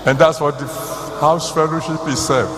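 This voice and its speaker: Nigerian guy preaching, slow and repeats phrases, kinda higher voice, big echoey noisy hall. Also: steady tone. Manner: deliberate phrasing with emphatic repetition. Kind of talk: sermon to a congregation. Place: large hall, church service. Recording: echoey hall, loud background noise.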